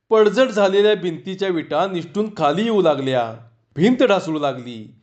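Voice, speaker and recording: A male storyteller narrates a comic tale with lively expression. His voice sits high for a man. The recording is slightly dull and muffled.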